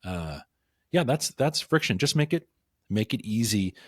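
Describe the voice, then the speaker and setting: A man's voice: lowish voice, sing-song, unhurried, breathy edge, dry recording, studio quality. A man co-hosting a business podcast who talks in a wry, sarcastic way and often restarts his sentences. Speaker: podcast co-host. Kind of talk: casual business chat.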